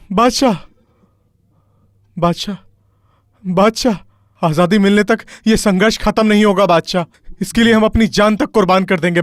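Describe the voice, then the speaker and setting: A man's voice: sits high, natural voice. A man dubbing a film role as a defiant young freedom fighter, mourning a fallen leader and vowing to fight on. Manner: mourning, vowing revenge over the dying. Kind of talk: dubbed film acting. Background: film score music.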